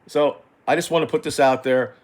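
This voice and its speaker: A middle-aged man giving an unscripted football opinion rant as a fan, rambling and halting, exasperated, doubling back on himself and swearing. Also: mid-range voice, fairly even intonation.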